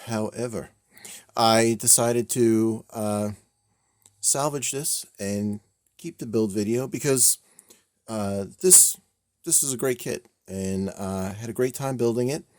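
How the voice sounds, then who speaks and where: A man's voice: mid-range voice, takes it slowly, darkish tone, dry recording, clean studio sound. A man hosting a hobby build video, talking casually with fillers and self-deprecating chuckles, a little stiff and robotic in delivery. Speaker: scale model builder and channel host.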